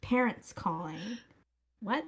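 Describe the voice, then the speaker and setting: A woman's voice: medium pitch, expressive, slow pace, heavy background noise. A tipsy woman putting on a Valley Girl accent to read a smug teenage girl's diary aloud for comic effect. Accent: Valley Girl put-on. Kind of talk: comic dramatic reading.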